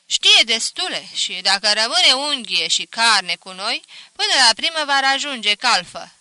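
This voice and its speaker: A woman's voice: a little high, sing-song, sharp tone, no echo, full character voice. A woman voicing a young countryman who speaks firmly and emphatically in a storybook reading. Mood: confident.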